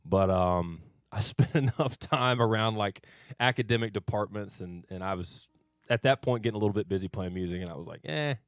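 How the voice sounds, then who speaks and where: Speaking a little fast in a lowish voice, a thirty-something Arkansas country singer gives modest, thoughtful answers during a relaxed interview at a radio studio. The studio mic recording has no room sound and studio quality.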